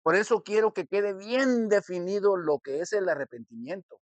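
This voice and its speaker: A male pastor preaching a sermon in a church, teaching slowly and deliberately, repeating and restarting phrases as he explains. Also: high-pitched, no room sound. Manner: deliberate teaching, slowing to stress key words.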